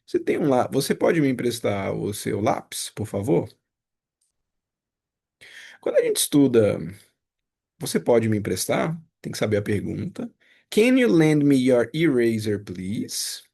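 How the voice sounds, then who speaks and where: A man's voice: medium pitch, very animated, a little slow, gravelly, dark tone, breathy edge. A man teaching a casual review lesson. He talks patiently, explains step by step and repeats each example. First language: Portuguese.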